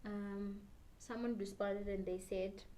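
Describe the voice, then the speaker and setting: A South African beauty YouTuber in her twenties, a bit tipsy, talks slowly and ramblingly to camera while doing her makeup in a small bedroom. Her dark, relaxed, medium-pitched voice drifts between English and Zulu, with faint background noise behind her.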